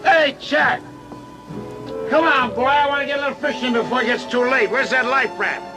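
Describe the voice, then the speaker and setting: An actor playing a breezy, commanding American navy skipper in a sitcom, scheming and easygoing, with slangy speech. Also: male voice, very high-pitched, moderate pace, music in the background. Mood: impatient. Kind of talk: 1960s TV sitcom acting.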